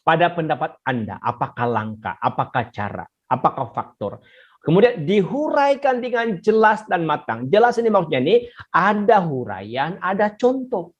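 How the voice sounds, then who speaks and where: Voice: mid-range voice, big pitch swings, normal speed. Coaxing teacher. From Sabah, Malaysia. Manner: repetitive, coaxing, addresses pupils directly. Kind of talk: online exam-prep lesson. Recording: slightly muffled recording.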